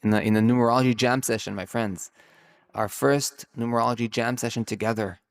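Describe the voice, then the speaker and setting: Speaking in a mid-range voice with a steady tone and fairly quick pace, a man hosts his own podcast as a numerologist. His improvised solo monologue is rambling and musing, full of drawn-out key words and sentences he keeps restarting.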